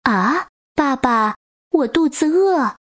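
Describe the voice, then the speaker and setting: A woman voicing a chirpy group of baby ankylosaurs in a children's storybook, with high, squeaky, childish calls. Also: expressive, takes it slowly, no room sound, studio quality. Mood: eager.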